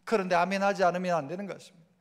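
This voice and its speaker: A male pastor preaches a Sunday sermon, constantly throwing rhetorical questions to his congregation. His voice sits unusually high for a man. It carries through a microphone with a long church reverb. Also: steady tone, very fast. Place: church sanctuary.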